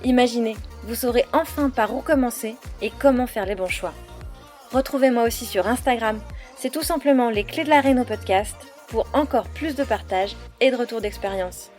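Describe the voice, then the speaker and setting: A woman who hosts a home renovation podcast and works as an interior architect. She gives a lively scripted introduction and then moves into relaxed interview chat. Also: a little high, normal speed, soft background music. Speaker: podcast host.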